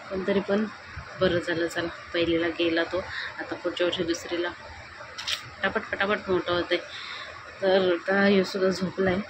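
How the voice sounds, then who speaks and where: A young woman chatting casually for her home vlog, teasing and calling out loudly to her husband. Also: lowish voice. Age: young adult. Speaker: vlogger. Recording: home recording with clear background noise.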